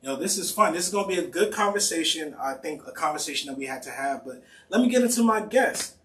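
A man's voice: on the high side, lively intonation, fast, a bit bright. A man hosting a podcast interview, talking in a casual, slangy way with lots of "you know". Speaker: podcast host. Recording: roomy, distant mic, faint noise.

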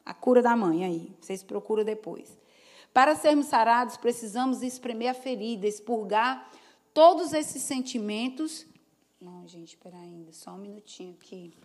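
A woman's voice: a little high, lively intonation, moderate pace, a little mellow. A woman pastor preaching a sermon to her congregation, telling stories in a folksy, chatty way and calling out for amens. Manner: call-and-response, asking the congregation "Amém?"; folksy, chatty storytelling with asides. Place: church service before a congregation.

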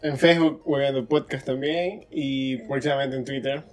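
A man's voice: mid-range voice, fairly even intonation, moderate pace. A young man co-hosting a casual podcast, answering with sarcastic, teasing comebacks. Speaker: podcast co-host. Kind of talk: casual joking chat.

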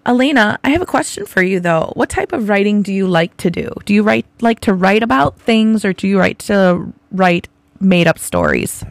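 A woman with a raspy, gravelly voice, hoarse from laryngitis, hosting a podcast and gently prompting young guests with simple, encouraging questions. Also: mid-range voice, big pitch swings, moderate pace, dry recording. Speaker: podcast host, school teacher or librarian. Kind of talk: friendly podcast interview with children.

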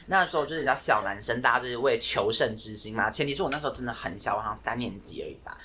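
A young man with a Taiwanese Mandarin accent, a guest in a casual chat, telling stories in an animated way and apologizing sheepishly. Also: mid-range voice, racing, a crowd in the background.

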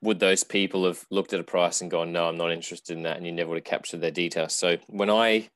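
A man hosting a casual podcast conversation, relaxed and thoughtful, talking things through at length. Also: low voice, fast talker. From Australia. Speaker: podcast host.

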